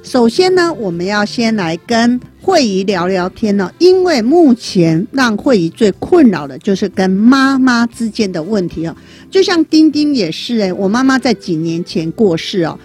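A woman's voice: mid-range voice, sing-song, moderate pace, a little mellow. A woman with a Taiwanese Mandarin accent hosts a casual podcast in a mid-range voice. Her intonation rises and falls a lot as she sets up the topic and asks her co-host questions. Light music plays faintly behind her. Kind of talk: casual chat.

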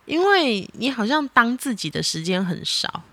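A woman's voice: fairly high pitch, moderate pace, no room sound. Woman, thirties, chatty mother on a podcast, swinging intonation, dry close sound. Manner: animated, chatty, exasperated teasing. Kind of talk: casual chat with her child.

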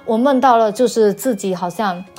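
A woman's voice: fairly high pitch, moderate pace, darkish tone, faint music behind. A woman from China telling a personal faith story in an interview, hesitant and often repeating her words. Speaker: interview guest.

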